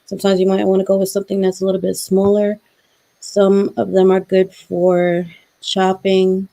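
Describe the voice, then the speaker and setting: A woman's voice: medium pitch, completely flat delivery, normal speed, creaky, dark tone. A woman in a casual chat, giving practical, matter-of-fact advice.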